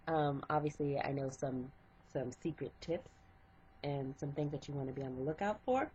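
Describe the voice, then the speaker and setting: In a dull lo-fi home recording with slight background noise, a congested middle-aged hairstylist walks through a casual hair tutorial step by step. Her deep, dark-toned voice is conversational and full of fillers.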